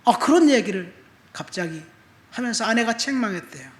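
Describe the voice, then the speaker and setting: A middle-aged male pastor preaching a sermon, telling a personal testimony and moving between soft asides and loud emphatic appeals. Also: high voice, lively intonation, normal speed. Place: church sanctuary. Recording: echoey church room.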